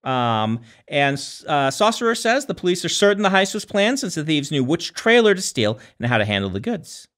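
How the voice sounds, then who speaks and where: With a slightly high voice and big swings in pitch, this podcast co-host in his forties talks at a moderate pace with few pauses and a fairly bright tone. His chat is loose and playful, wandering off and correcting itself along the way. The setting is a small studio indoors, where a boom-mounted mic picks him up.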